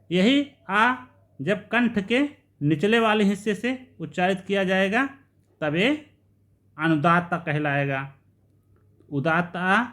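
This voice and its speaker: A man giving a lesson on Sanskrit grammar, explaining patiently and repeating key terms slowly. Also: high-pitched, fairly bright tone.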